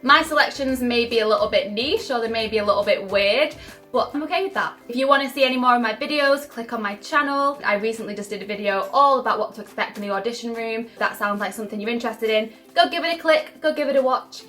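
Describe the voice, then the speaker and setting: A woman's voice: a little high, fast talker, pushed and bright, soft background music. A young woman chatting casually to camera as a vlogger, bubbly and gushing, with lots of "like" fillers.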